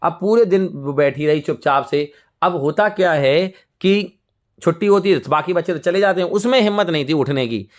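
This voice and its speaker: A young adult male teacher retells a textbook story to students. His voice sits a little high for a man, and he talks in a lively, chatty way, slipping into the characters as he goes. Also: normal speed. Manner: lively, conversational, acts out characters. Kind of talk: storytelling lesson summary.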